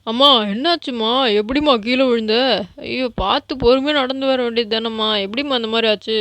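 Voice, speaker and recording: A woman voicing a grown son who is calm and gently scolding in a doll vlog. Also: mid-range voice, a little fast, no echo, natural voice. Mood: concerned. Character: adult son, concerned father of the house.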